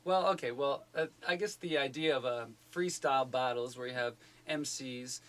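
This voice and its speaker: A man's voice: medium pitch, moderate pace, fairly bright tone. A man who teaches, explaining things in an eager, rambling way with many fillers during a radio interview.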